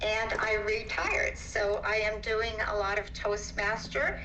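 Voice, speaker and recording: A woman's voice: medium pitch, takes it slowly, pushed and bright, lo-fi sound, faint music behind. An older woman, a great-grandmother, chatting cheerfully on a video call. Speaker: retired guest.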